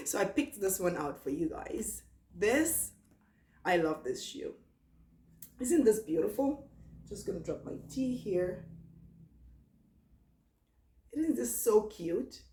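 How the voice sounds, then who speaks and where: A young woman with a Nigerian accent, chatting casually through a question-and-answer vlog and reading each question aloud slowly. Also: medium pitch, darkish tone. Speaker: vlogger. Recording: echoey room.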